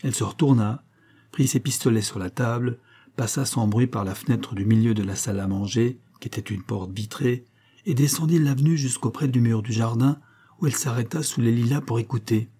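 A man reading a novel aloud as audiobook narrator, in a measured, steady manner. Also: mid-range voice, breathy edge. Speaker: audiobook reader. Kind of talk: scripted narration.

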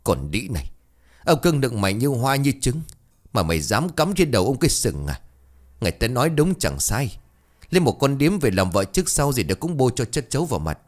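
A man's voice: medium pitch, sing-song, a little fast, voice pushed up, close to an everyday voice. A man voicing an old, domineering village chief who barks and scolds, in a spoken ghost story. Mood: furious. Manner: barking, scolding.

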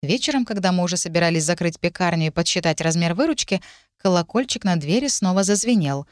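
Woman reading a story, lower voice, steady, dry close mic. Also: quick pace, dry recording. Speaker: audiobook narrator. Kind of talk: scripted narration.

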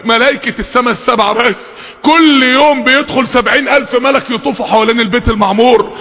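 Man, Egyptian accent, fiery sermon, very high gravelly voice, long echoing hall. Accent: Egyptian Arabic. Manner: fiery, alternates rapid talk with loud drawn-out recited verses. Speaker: preacher. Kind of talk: impassioned Friday-style sermon.

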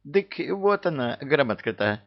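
A crafty common servant with a wheedling, folksy way of talking, played by a man. His voice sits high and swings about a lot. The sound is a little dull and lo-fi. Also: big pitch swings, a little slow.

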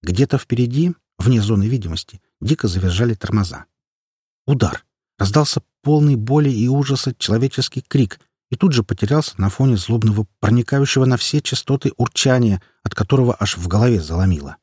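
A man's voice: medium pitch, expressive, brisk, a little mellow, breathy edge, dry recording, studio quality. A man narrating an action story audiobook in the first person, telling it dramatically.

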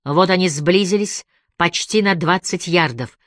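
Low-voiced woman narrating a thriller. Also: fairly bright tone, no echo, clean studio sound. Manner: measured, dramatic reading. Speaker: audiobook narrator. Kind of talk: scripted narration.

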